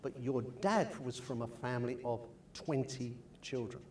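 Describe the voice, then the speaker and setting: A man's voice: medium pitch, normal speed, darkish tone, a little hiss or hum. A man hosting an interview, chatty and joking, asking his guest about his family and upbringing. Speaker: host. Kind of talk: casual interview.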